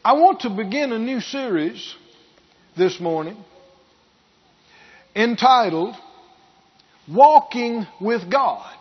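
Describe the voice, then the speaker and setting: A pastor preaching a sermon, repeating key phrases for emphasis and building to loud bursts. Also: male voice, sits high, expressive, slow, long pauses, husky, muffled recording.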